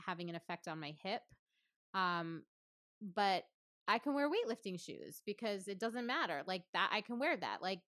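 Female PT co-host, 30s, lowish voice, casual rambling storyteller, dry recording. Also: dry recording. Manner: chatty, many fillers, laughs often, lively storytelling. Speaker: physical therapist and podcast co-host. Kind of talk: casual chat.

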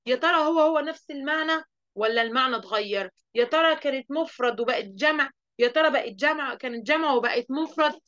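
A woman with an Egyptian accent teaching an online lesson to young children, lively and asking the class questions she then answers. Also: high voice, fast, dull audio. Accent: Egyptian Arabic. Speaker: primary school teacher.

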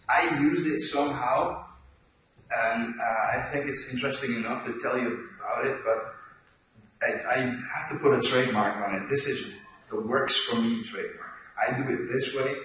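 A Dutch man in his forties from the Netherlands gives a relaxed conference talk in a large lecture hall, joking, poking fun at himself and chuckling often. His medium-pitched voice carries a Dutch accent and slight background noise. A room mic picks him up from far off in the echoey hall as he walks around the stage.

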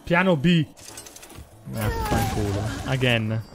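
A man's voice: mid-range voice, huge pitch swings, takes it slowly. A man in his thirties giving casual live gameplay commentary, muttering, exclaiming and swearing freely into a close desk mic. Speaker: game streamer. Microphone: desk microphone close to mouth. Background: game music and sound effects.

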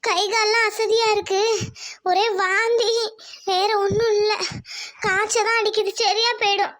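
A woman's voice: very high-pitched, little pitch movement, moderate pace, fairly bright tone. A woman voicing a proud, stubborn village wife in a cartoon who is sick with fever and refuses help. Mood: weary. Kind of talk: cartoon voice acting.

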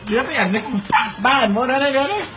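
A man in a hidden-camera prank chat, his voice pitched high and swinging widely. He keeps dissolving into laughter as he repeats himself. Steady background noise runs under the recording. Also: very fast. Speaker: prankster asking a neighbor for a wifi password. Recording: noisy background.

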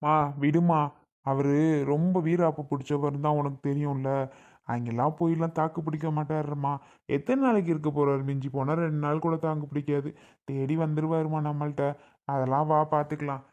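A man's voice: fairly high pitch, steady tone, brisk, darkish tone, lo-fi sound. A man acting in a melodramatic family skit, scolding angrily. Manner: angry, scolding.

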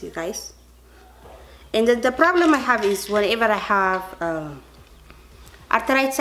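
A woman's voice: medium pitch, a little hiss or hum. A woman in her thirties talking to camera in her kitchen, earnest and chatty, often calling her viewers you guys. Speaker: vlogger. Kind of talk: casual vlog to camera. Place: kitchen at home.

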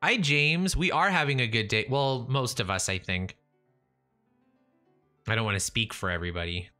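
This livestreaming gamer, a young man in a small home room, has a medium-pitched voice that sounds pushed and bright at a moderate pace, with faint music behind him. Talking to himself and chat through a face-level studio mic while building in a game, he rambles casually, restarting and trailing off. By his own account, he's losing his voice.

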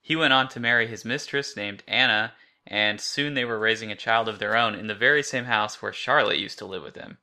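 One co-host of a podcast recaps and discusses a story in a rambling, informal way, saying "like" a lot. He has a fairly low-pitched voice with a sharp tone and speaks fairly quickly.

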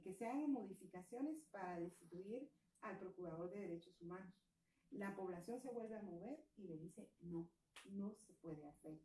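A woman with a Guatemalan Spanish accent speaks earnestly, pausing on fillers and tag questions as she explains. Her voice is mellow and dark. She is picked up from across an echoey room. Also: medium pitch, recorded from a distance. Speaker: women's movement activist. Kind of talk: talk on political crisis.

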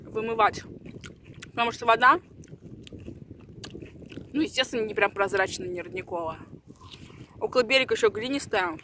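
A woman's voice: medium pitch, normal speed, long pauses, pushed and bright, slight background noise. A woman vlogging outdoors on a riverside pier, chatty and jokey, chewing while she talks. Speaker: mukbang vlogger. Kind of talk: casual vlog chat.

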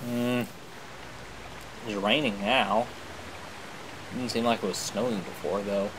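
A man's voice: fairly low pitch, fairly even intonation, slow, noisy background. A man giving casual, jokey commentary on a game he is playing for the first time, grumbling and humming along. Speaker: gameplay commentator. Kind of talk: casual let's-play commentary.

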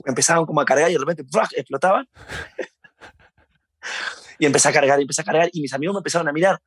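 A husky Uruguayan man with a fairly high voice recounts his stories in a casual interview. He is animated, laughs often and acts out his shouts, and the recording is dry and close. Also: racing, no echo. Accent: Uruguayan Spanish. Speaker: interview guest.

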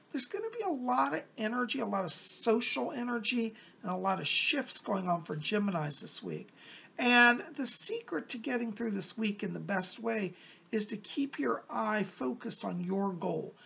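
A middle-aged man with a raspy, creaky voice gives an informal mystical horoscope reading as a psychic, encouraging and advising the listener directly. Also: high-pitched, sharp tone. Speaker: psychic medium presenting horoscopes. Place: small room at home, indoors.

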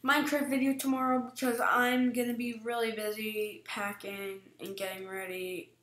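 A woman's voice: a little high, level tone, moderate pace, a bit bright, reverberant. A woman giving casual, giggly, self-deprecating gameplay commentary as a vlogger. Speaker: gaming vlogger.

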